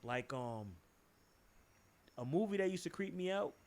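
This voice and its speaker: A young man with a Boston accent co-hosting a podcast in casual chat, animated and profane, jumping from topic to topic. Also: high voice, measured pace. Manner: animated, swearing, jumps from topic to topic. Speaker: podcast co-host.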